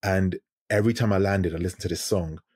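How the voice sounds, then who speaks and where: Deep husky man on a video call. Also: fairly even intonation, fast talker, a little mellow, dry recording, clean studio sound. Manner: reflective, searching for words, restarts. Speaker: guest DJ. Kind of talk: casual podcast interview. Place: home room with lit wall.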